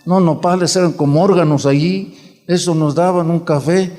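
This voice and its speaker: High-voiced Mexican preacher in a reverberant hall. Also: male voice, steady tone, normal speed, darkish tone. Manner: preaching, urging listeners, acting out voices in his anecdotes. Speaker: pastor. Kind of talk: sermon with storytelling.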